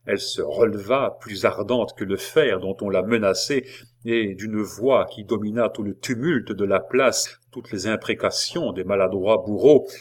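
A man narrating a novel as an audiobook in a measured, dramatic reading with occasional hesitations. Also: fairly low pitch.

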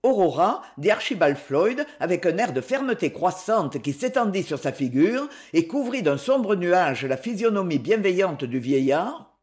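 A woman narrating a novel aloud in a measured, expressive reading. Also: lowish voice. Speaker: audiobook narrator.

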